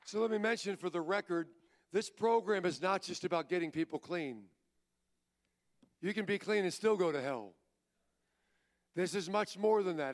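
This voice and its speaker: A man preaching a sermon as pastor, exhorting the congregation, calling for amens and stumbling into stammered restarts. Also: sits high. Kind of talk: sermon with congregation call-and-response.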